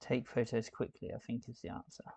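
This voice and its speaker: Man, gravelly, mellow, dry close sound, live building chat. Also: medium pitch, steady tone, fairly quick, no echo. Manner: chatty, thinking aloud. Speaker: host.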